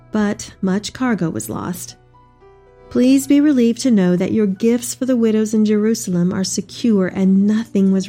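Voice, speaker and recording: A woman with a natural, mid-range voice plays an elderly, devout mother, reading her tender letter aloud. The dramatic reading is expressive and full of affection.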